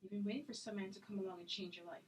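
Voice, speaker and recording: A woman's voice: mid-range voice, steady tone, slight background noise, lightly acted. A woman acting a self-taped drama scene as a hurt, indignant friend, intense and accusatory in her delivery. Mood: hurt, accusing. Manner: accusatory, intense, rapid-fire.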